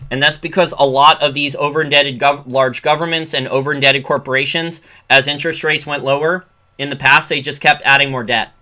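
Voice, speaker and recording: Bright-voiced man ranting about finance. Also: a little high, steady tone, brisk. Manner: sarcastic, ranting asides. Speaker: finance commentator. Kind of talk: solo commentary reading a report.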